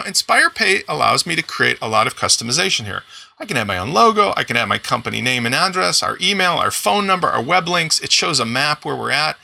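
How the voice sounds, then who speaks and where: A man in his forties giving an upbeat, enthusiastic walkthrough of payment software in a screen-recorded tutorial. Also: mid-range voice, gravelly. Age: 40s. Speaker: software demo presenter.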